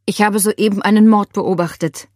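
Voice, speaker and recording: A woman's voice: medium pitch, fairly even intonation, moderate pace, darkish tone, dry recording, studio quality, close to an everyday voice. A woman voicing a frightened young woman who stammers and gasps through the shock of seeing a murder. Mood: frantic. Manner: breathless, stammering under shock.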